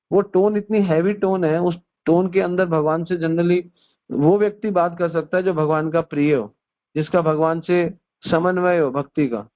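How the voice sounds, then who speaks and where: A man giving a devotional discourse, explaining scripture verses word by word and repeating key phrases. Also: on the high side. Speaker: spiritual teacher. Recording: tinny conference-call phone line.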